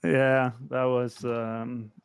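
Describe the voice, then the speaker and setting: Slow easy-talking gamer guy, dry close sound, chats about his run. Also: medium pitch, level tone, clear, resonant tone, no room sound. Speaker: tournament player. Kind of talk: casual chat.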